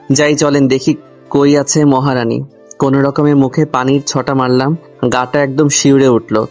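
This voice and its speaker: Over soft background music, a medium-pitched man narrates his own comic love story as its lead character. His fairly contained delivery is grumbling and confiding, aimed directly at the listener.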